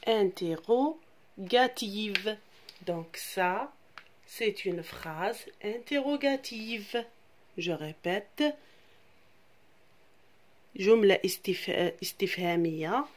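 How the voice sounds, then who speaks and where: Woman teacher, very slow deliberate pace, patient repetition for children. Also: medium pitch, slight background noise. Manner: slow, repeats terms, addresses children, switches to Arabic to explain. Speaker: primary school French teacher. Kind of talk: slow classroom grammar lesson for children.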